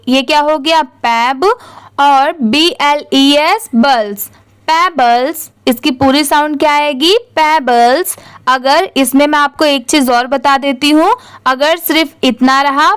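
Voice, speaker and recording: A woman's voice: high-pitched, a bit bright, no room sound. A woman teaching English reading as a lesson in Hindi, spelling out each word letter by letter, then asking how it is read and answering herself.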